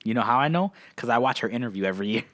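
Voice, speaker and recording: A young man in his twenties chats casually on a podcast. His voice sits at an average pitch, and he talks in a relaxed way, laughs often and keeps coming back to the same phrases. The recording is dry and close. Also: racing, no echo. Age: 20s. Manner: laid-back, laughs often, repeats "that's nuts". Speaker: podcast co-host. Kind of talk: casual chat.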